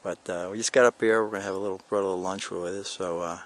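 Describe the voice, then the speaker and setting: An older man with a deep, steady voice narrates his hike at a quick pace, filming on a handheld camera. Outdoors on a windy mountain trail, he rambles, jokes and uses many fillers in his casual vlog.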